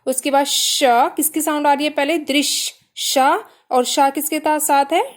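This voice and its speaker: Woman, high voice, slow pace, patient teacher, spells out syllables, answers her own questions. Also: steady tone. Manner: asks questions then answers them herself. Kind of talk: Hindi grammar lesson for children.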